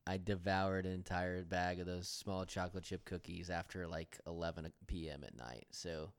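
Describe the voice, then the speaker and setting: A man with a smooth, resonant voice talks golf with a friend. His tone is loose, profane and full of laughter. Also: low voice, fairly even intonation, normal speed. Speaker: podcast co-host. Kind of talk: casual golf chat.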